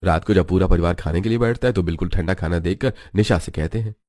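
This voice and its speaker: Man narrating a children's story, low. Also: quick pace, mellow, dry recording, studio quality.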